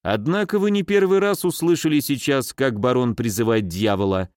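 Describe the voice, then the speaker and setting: A man's voice: mid-range voice, lively intonation, moderate pace, darkish tone, dry recording, studio quality, lightly acted. A man voicing a sly, mischievous male footman in an audiobook. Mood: smug. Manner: sly, teasing.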